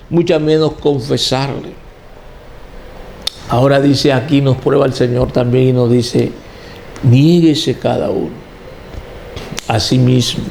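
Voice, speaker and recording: A man's voice: mid-range voice, gravelly, a little mellow, slight background noise. A man preaching a sermon as pastor, emphatic and addressing the listeners as brother.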